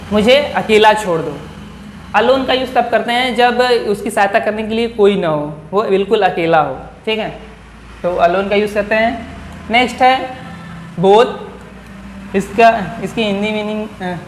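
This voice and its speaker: A man gives a patient, bilingual vocabulary lesson. He spells words out letter by letter and repeats them so that beginners can follow along. His voice carries around a roomy classroom, with a faint hum of noise behind it. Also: high voice. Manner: patient, repeats words and checks with "theek hai". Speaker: English teacher. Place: coaching classroom. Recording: echoey room, faint background noise.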